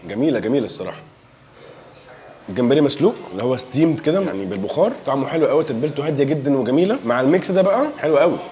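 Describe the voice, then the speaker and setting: With a warm, mid-range, animated voice, a young man with an Egyptian Arabic accent rattles through his food vlog at a racing speed. He reviews the dishes playfully, cracking jokes and sounding enthusiastic as he tastes.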